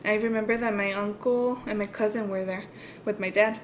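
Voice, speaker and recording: A woman co-hosting a podcast, telling a personal story and switching between English and Spanish mid-sentence. She rises high and loud when quoting her parents. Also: fairly even intonation, normal speed, a little hiss or hum. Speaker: podcast co-host.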